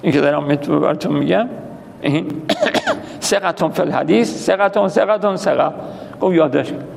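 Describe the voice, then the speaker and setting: A man's voice: on the high side, expressive, vocal fry. A man giving an anecdotal religious lecture, telling stories with quoted dialogue and posing questions that he answers himself. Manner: storytelling that acts out quoted dialogue, asks and answers his own questions. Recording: reverberant hall, faint background noise.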